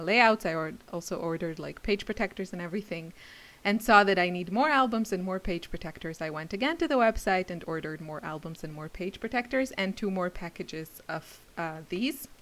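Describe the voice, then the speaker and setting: Casually chatting to camera, a woman who teaches craft classes and makes videos rambles and giggles for her viewers. Her voice is on the low side, a bit bright, at a moderate pace.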